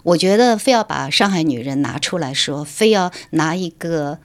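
Woman writer from shanghai on a radio interview, low voice, explains things like a lecture. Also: animated, moderate pace. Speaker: guest writer.

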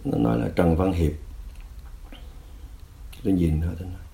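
An older man, recounting a personal story in a measured, often quiet and subdued way. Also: sits low, gravelly.

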